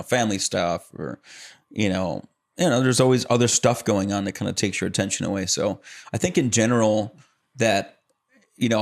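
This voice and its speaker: Deep gravelly man telling his story. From Chicago area, United States. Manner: relaxed, rambling, many fillers and restarts. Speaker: actor and producer, podcast guest. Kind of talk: casual conversational storytelling.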